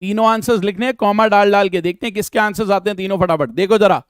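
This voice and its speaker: A man teaching a live online math class, drilling sums aloud, urging students to go fast, and answering their chat questions. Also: high-pitched, clear, resonant tone, no room sound, clean studio sound. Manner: brisk, drills sums aloud and urges speed.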